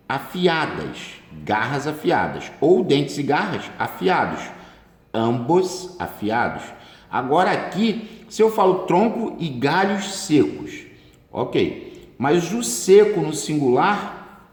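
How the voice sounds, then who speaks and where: Lively Brazilian teacher in an echoey room. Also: male voice, medium pitch. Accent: Brazilian Portuguese. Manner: lively explaining, stretches words for emphasis. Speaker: exam-prep teacher. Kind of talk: grammar lesson walkthrough. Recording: roomy echo with long reverb.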